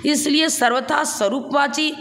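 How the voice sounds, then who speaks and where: A woman's voice: high-pitched, steady tone, unhurried, a bit bright. A woman teaching a scripture class. She explains each point step by step, poses rhetorical questions and chuckles as she recites.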